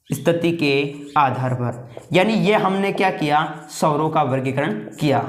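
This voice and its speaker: A male grammar teacher giving a video lesson, who asks rhetorical questions, answers them himself and repeats each term slowly. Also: sits high. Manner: calls viewers friends. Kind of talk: video lesson explaining at a board. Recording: roomy echo.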